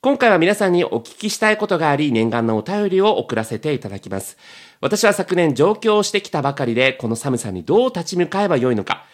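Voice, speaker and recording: Quick, expressive male podcast host. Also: on the high side. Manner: agreeable, frequent affirming backchannels, polite phrasing. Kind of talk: friendly casual chat and letter reading.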